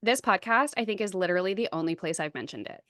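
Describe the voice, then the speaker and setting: A woman's voice: mid-range voice, animated, fast, fairly bright tone, no echo, clean studio sound. A woman co-hosting a podcast in casual chat, talking with lots of "like" fillers. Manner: chatty, full of "like" fillers, acts out quoted voices. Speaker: podcast co-host.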